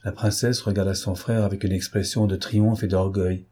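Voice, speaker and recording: Low, husky-voiced man narrating a novel, measured delivery. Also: level tone, dark tone. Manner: measured, storytelling.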